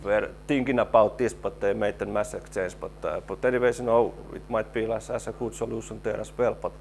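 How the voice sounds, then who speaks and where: A low, gravelly voice from a man, talking through a technical conference presentation. He stops and restarts often, repeating words as he works through each slide, and a faint hum sits under him. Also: steady tone. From Finland. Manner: halting, repeats words while explaining slides. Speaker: presenter, stabilization engineer.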